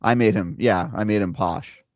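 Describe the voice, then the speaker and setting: A man's voice: on the low side, moderate pace, no echo, clean studio sound. An American man co-hosting a gaming podcast, joking around and reading out viewer comments. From United States. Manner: playful, jokey, reads viewer comments. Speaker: podcast co-host. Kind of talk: casual podcast chat.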